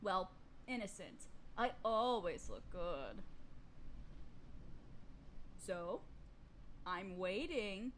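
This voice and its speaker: In a fantasy audio roleplay, a woman plays a vain, domineering evil sorceress queen with an imperious, theatrical drawl, impatient and haughty in mood. Her mid-range voice is sing-song, with drawn-out words, long pauses and a little hiss or hum.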